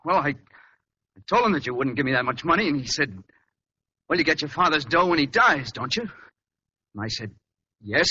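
A whiny, frightened young son. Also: male voice, a little high, sing-song, normal speed, pauses often, bright, forceful tone, exaggerated voice. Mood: pleading. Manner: whiny, pleading. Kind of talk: 1930s radio acting. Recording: dull lo-fi old radio recording with faint noise.

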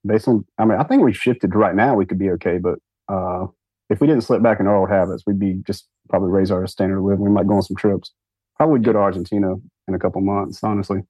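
Quick, low, husky male guest. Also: fairly even intonation, dark tone, no room sound, low-quality recording. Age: adult, studying nursing. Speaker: coaching guest. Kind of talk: casual conversation.

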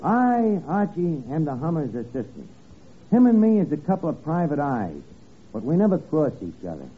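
A slightly rough, somewhat high male voice, very animated and at normal speed, plays a scheming tavern keeper on a 1940s-50s radio sitcom. As the show's comic lead, he's bossy, slangy, and self-important, firing off wisecracks and botching his grammar. The old radio audio is narrow-band, scratchy, and noisy.

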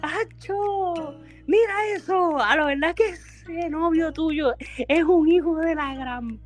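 A man's voice: extremely high pitch, slow pace, faint music behind, voice pushed up. A man voicing a shocked old grandmother with a Puerto Rican accent, shrieking and drawing out his exclamations. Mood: scandalized.

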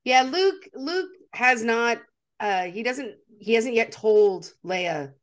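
A woman's voice: a little high, animated, slow pace. A woman co-hosting a podcast, talking enthusiastically with lots of fillers and restarts. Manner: enthusiastic, rambling with many fillers. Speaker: podcast co-host. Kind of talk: casual chat.

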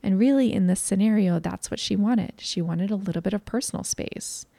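A woman with a gravelly, mellow voice gives parenting advice to other parents. She talks in an earnest, candid, conversational way, and the sound is close and dry. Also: medium pitch, a little fast, no echo. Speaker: parenting educator. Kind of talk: talk to parents.

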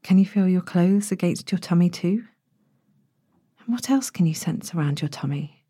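As a sleep story narrator, a woman leads a guided bedtime body scan in a lowish, very mellow voice, breathy and slipping toward a whisper. Though animated, she gives each instruction in a gentle, soothing, unhurried way.

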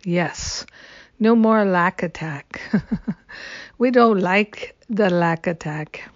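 A woman speaking as a spiritual teacher leading prayer and addressing followers, in affirming, repetitive, unhurried phrases. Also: fairly low pitch, no room sound, lo-fi sound. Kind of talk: devotional guided prayer and friendly address to followers.

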